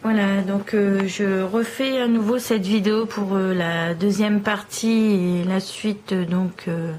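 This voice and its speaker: A woman vlogger showing off small trinkets one by one in a slow, admiring show-and-tell. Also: mid-range voice, steady tone, darkish tone, a little hiss or hum, rough recording.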